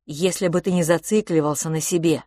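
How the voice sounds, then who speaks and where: A woman's voice: deep voice, fairly even intonation, fairly quick, dark tone, no echo, studio quality. A woman voicing Philipp, a frail and sickly boy who speaks bitterly and wearily, with sighs. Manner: bitter, sighing, subdued.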